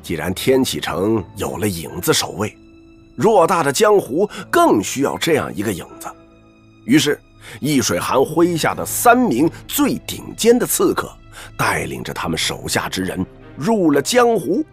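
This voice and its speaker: An actor playing a wry, middle-aged assassin uncle in an audio drama, talking like a storyteller with lots of interjections. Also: male voice, medium pitch, wildly swooping pitch, unhurried, soft background music. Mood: storytelling. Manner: drawling, storyteller-like, peppered with interjections. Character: wry, theatrical older male assassin uncle, Su Zhe. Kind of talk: audio drama character acting.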